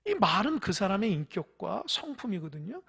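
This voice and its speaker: Gravelly, husky pastor preaching a sermon. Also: mid-range voice, big pitch swings, normal speed. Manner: swings between loud emphatic stresses and soft near-whispers; tells parables, asks the congregation questions. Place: church.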